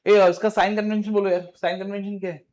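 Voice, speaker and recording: A male physics teacher. He lectures briskly and fires questions at his students. His tone is informal and direct, like a coaching-class teacher. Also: high voice, level tone, a little mellow.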